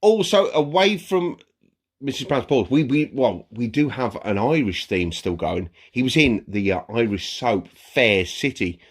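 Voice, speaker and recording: Jokey man with a husky, lively voice. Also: mid-range voice, a little slow. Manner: jokey, teasing, laughs often. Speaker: podcast co-host. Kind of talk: casual chat.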